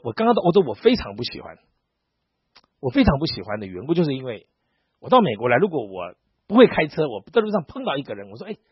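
A middle-aged pastor from Taiwan preaches a sermon, telling stories with animation and acting out the dialogue. His mid-range voice is husky with no echo, though the recording has a dull lo-fi sound.

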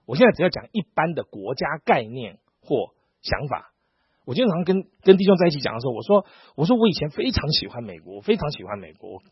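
A man's voice: on the high side, fast talker, slightly rough, dry recording. A middle-aged pastor from Taiwan, preaching a sermon and acting out dialogue as he tells stories. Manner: animated storytelling, acting out dialogue. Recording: dull lo-fi sound.

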